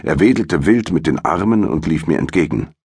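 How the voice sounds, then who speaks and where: Very deep, husky male audiobook narrator. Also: animated, moderate pace, a little mellow, no room sound, studio quality. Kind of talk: scripted first-person narration.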